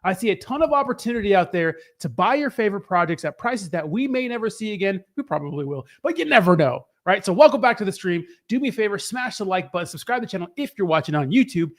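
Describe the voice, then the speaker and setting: A male live stream host with a notably high voice that sounds a little hoarse. He chats casually and upbeat, mixing market news with slangy, informal greetings to his viewers. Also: very animated, fast talker, hardly any pauses. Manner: upbeat, informal hype with slangy shout-outs. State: slightly hoarse voice.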